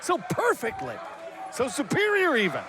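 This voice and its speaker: A man doing wrestling color commentary, excitable and playfully obtuse. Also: extremely high pitch, moderate pace. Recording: loud crowd and noise behind.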